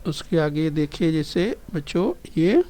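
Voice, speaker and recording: A male primary school teacher with a somewhat high voice, coaxing young pupils through a recorded lesson. He speaks patiently, spells out each phrase slowly, and keeps urging the children to listen and repeat. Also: sing-song, dark tone. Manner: addresses the children constantly, coaxing and encouraging.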